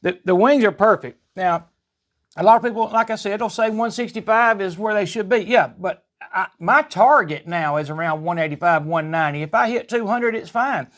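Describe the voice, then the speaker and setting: High-voiced Southern US man, folksy and chatty. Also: moderate pace, a bit bright. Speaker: home cooking vlog host. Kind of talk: casual cooking demonstration.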